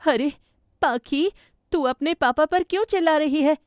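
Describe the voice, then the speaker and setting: Concerned mother pigeon for a cartoon, soft and slightly high, voiced by a woman. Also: a little slow, no room sound, studio quality. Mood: worried. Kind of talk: Hindi cartoon voice acting.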